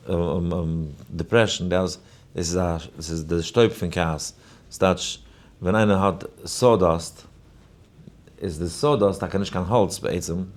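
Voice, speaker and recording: A man who is a rabbi giving an informal Torah lesson, weaving in a personal story, animated and shifting between quiet asides and emphatic points. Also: on the low side. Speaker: rabbi teaching a daily Torah class.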